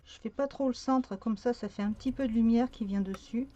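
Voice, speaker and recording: Woman, craft tutorial, mellow tone, chatty and hesitant, slightly dull lo-fi recording. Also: a little high, fairly quick. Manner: chatty, hesitant with many fillers and self-corrections. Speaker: card-making crafter.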